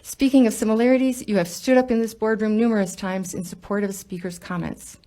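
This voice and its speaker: A woman's voice: mid-range voice, steady tone, fast, warm tone. A woman giving a formal, pointed and emphatic statement at a board meeting. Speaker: school board director.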